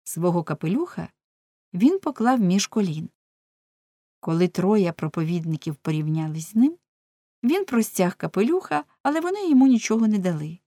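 A woman narrating an audiobook in a lively, expressive way. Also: medium pitch, normal speed, no echo, studio quality.

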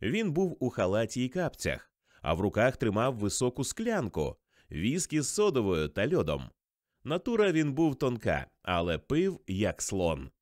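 A man reading a novel aloud in the first person, with lively, conversational storytelling. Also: mid-range voice, moderate pace, no room sound, clean studio sound. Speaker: audiobook reader.

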